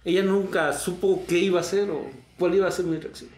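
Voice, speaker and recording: A middle-aged man with a Mexican accent telling a painful personal story in a halting way, repeating words as he relives it. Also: high-pitched, steady tone, a little mellow, reverberant, a little hiss or hum. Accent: Mexican Spanish. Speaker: interview guest. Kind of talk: emotional personal testimony.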